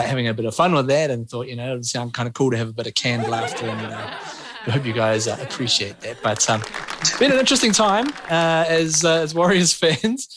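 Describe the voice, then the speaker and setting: A man's voice: mid-range voice, background noise. A man with a New Zealand accent hosting a sports podcast in a casual, chatty style. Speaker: podcast host.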